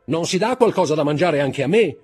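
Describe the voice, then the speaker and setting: A man voicing a hungry, indignant middle-aged banker held prisoner, pompous and exasperated, in a husky voice. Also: fairly high pitch, expressive, fairly quick, darkish tone, faint music behind, pitched above the performer's own voice. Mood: pleading.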